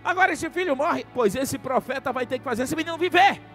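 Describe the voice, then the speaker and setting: A frantic, grieving rich mother cries out in a high, straining voice, as a male preacher puts her on in his sermon. She pleads and commands in a rush, her voice climbing higher and louder. Faint music plays behind her. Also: quick pace. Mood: commanding.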